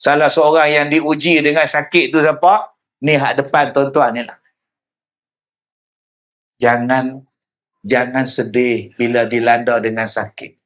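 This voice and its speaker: A male preacher, delivering a lively sermon that mixes humor with direct address to the audience. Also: medium pitch, measured pace, pauses often. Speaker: religious preacher. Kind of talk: public sermon.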